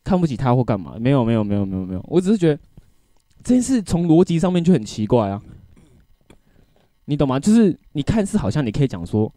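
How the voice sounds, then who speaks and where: Animated, ranting man. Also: medium pitch, fast, long pauses, no room sound, clean studio sound. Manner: animated venting, swears often, keeps asking if you get it. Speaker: podcast co-host. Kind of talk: casual chat.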